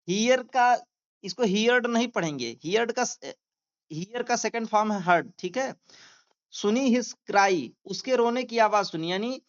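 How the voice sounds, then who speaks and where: Male teacher walking students through a text line by line, unhurried, on a muffled, lo-fi recording. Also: sits high. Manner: reads English lines very slowly, then explains each word; often checks understanding with a question tag. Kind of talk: line-by-line lesson explanation.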